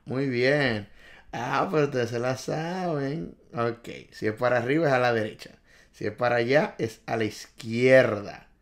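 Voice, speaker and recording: Excitable man hosting a live quiz. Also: mid-range voice, creaky. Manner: excitable, reads out viewers' answers, jokes and scolds. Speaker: livestream host quizzing viewers on driving test. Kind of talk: casual live quiz stream.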